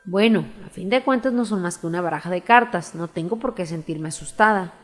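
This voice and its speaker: A courteous yet daring young girl from a storybook, as a woman narrator puts her on. She speaks up in a bright, raised voice, firm and decided. Soft music runs beneath her. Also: fairly low pitch, fairly quick, big-room sound, natural voice. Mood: bold. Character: polite but bold young girl. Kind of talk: storybook reading.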